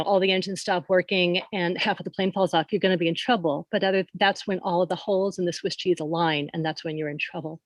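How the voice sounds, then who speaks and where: A woman's voice: on the low side, no echo. A middle-aged woman who is a primary care provider speaks at a forum over a video call, nervous and conversational with many fillers. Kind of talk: public comment at a forum.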